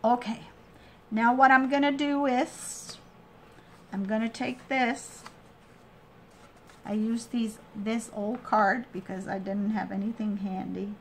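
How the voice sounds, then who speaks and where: A woman giving a casual hands-on craft tutorial, explaining each step in a halting way and restating as she goes. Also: fairly high pitch, fairly even intonation, slight background noise. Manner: halting, trailing off and restating steps.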